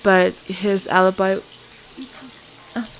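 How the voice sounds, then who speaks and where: A woman's voice: mid-range voice, level tone, slow, low-quality recording. A woman vlogger telling a true-crime story in a casual, conversational way while cooking. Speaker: vlogger and host. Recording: sizzling food, clear background noise.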